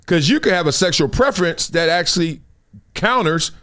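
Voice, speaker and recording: The host, a middle-aged man from South Central Los Angeles with an American accent, speaks at normal speed in an animated, slightly high voice with a fairly bright tone. His show mixes casual slang, jokes and storytelling.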